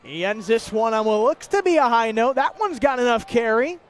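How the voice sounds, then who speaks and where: A man calling a celebrity softball game and home run derby live as play-by-play announcer, with lively calls and chatty asides. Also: extremely high pitch, fairly quick. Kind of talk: live sports commentary.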